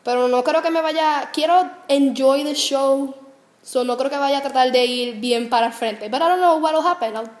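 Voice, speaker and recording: A woman's voice: high voice, moderate pace. A young woman vlogging to camera, telling a story in a chatty, self-mocking way with lots of fillers. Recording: roomy echo.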